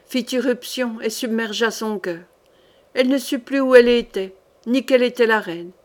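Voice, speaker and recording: A woman reading a historical novel aloud, with measured, dramatic narration. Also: a little high. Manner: measured dramatic narration, voices the characters lightly. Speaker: audiobook reader.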